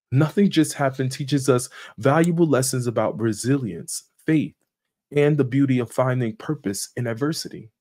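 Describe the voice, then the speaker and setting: A channel host in his forties reads a scripted sermon review from his home office, making small slips and restarts. He has a medium-pitched voice with a darkish tone.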